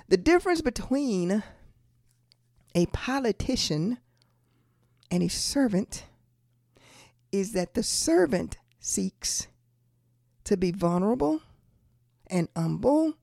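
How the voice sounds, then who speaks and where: A woman preaching a sermon, repeating her key lines slowly and calling out to the congregation. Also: medium pitch, gravelly, mellow, no room sound, clean studio sound. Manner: calls out to the congregation.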